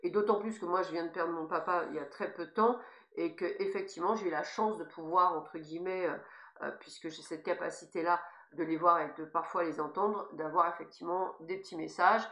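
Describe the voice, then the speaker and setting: A woman's voice: on the low side, fairly even intonation, fairly quick, a bit bright. A woman with a lisp on her s sounds gives informal spiritual guidance, speaking emphatically and encouragingly straight to her listeners. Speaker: spiritual guide giving guidance messages. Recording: echoey, reverberant room sound.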